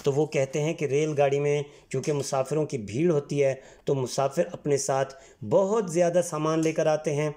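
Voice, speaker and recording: A man's voice: on the high side, steady tone, few pauses, mellow. A man from Pakistan, teaching a textbook exercise patiently and spelling words out letter by letter. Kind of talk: Urdu textbook exercise lesson.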